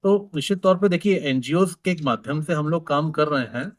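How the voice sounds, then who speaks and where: A man's voice: on the high side, animated, fairly quick, dry recording. A man, a government official, answering press questions in an explanatory way, with many fillers and restarts.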